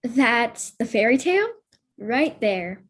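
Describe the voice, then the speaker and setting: A woman's voice: a little high, sing-song, takes it slowly, slightly rough, heavily acted. A woman playing a matter-of-fact fairy-tale storyteller, narrating a comic stage play.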